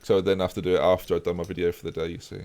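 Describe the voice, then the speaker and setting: This man's voice sits low, and his delivery is rapid-fire. He's laid-back and chatty, talking with his live-stream viewers while playing a football management game.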